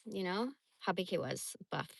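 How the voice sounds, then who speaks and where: A woman's voice: lowish voice, expressive, moderate pace, vocal fry, no echo. A woman from the Bay Area telling rambling personal stories on a casual livestream, blunt and profane. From San Francisco Bay Area. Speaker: livestream host.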